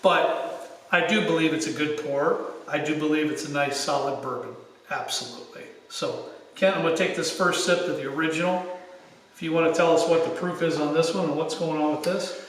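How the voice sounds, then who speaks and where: Rambly guy hosting a stream, voice a bit high, super echoey like a big hall. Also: steady tone, fairly quick. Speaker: show host. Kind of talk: casual chat hosting a livestream tasting. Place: unfinished basement with bare floor. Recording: big hall echo, distant mic, faint noise.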